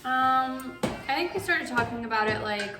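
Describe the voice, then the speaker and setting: Chatty woman, 20s, higher voice, casual vlog host; roomy sound with clear music behind. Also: expressive, moderate pace. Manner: chatty, uses like often. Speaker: vlog host answering viewer questions. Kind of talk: casual chat. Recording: roomy echo, distant mic, music behind. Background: background music.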